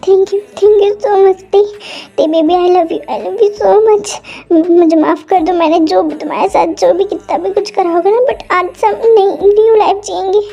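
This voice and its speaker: A jealous, possessive young husband, as a woman puts him on for a fan-fiction story, stammering between orders and pleas. The voice sits very high even when pushed lower, and its tone is dark and mellow. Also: moderate pace, vocal fry, muffled recording. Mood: tearful, pleading. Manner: stammering, pleading and commanding. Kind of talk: Hindi fan-fiction voice acting.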